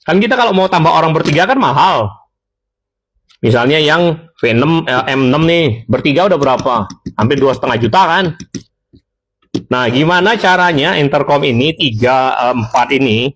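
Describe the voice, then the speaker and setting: A seller demonstrating intercoms talks straight to viewers in a casual, chatty tutorial, correcting himself as he goes. His voice is fairly high and expressive, a bit bright, at a normal speed, with a little hiss or hum on the recording.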